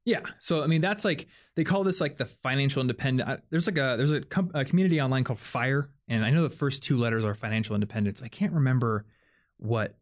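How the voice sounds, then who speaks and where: A young man hosts a relaxed podcast conversation. His voice sits at a middle pitch, and he rambles as he works through his ideas, leaning on fillers and restarting his sentences. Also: fast talker. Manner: rambling, filler-heavy, thinks aloud. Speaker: podcast host. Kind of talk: casual chat.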